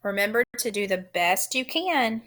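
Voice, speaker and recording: A woman teaching a phonics lesson, sounding out letters and syllables in a deliberate, encouraging way. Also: mid-range voice, lively intonation, a bit bright.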